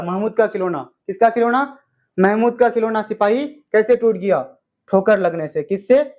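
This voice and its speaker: A male tutor runs an exam-prep quiz in Hindi with a Bihari accent, asking every question twice or three times before giving the answer. His voice sits high for a man. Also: a little mellow. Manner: repeats each question, then answers it himself. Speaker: teacher. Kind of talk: exam-prep lesson, quizzing students.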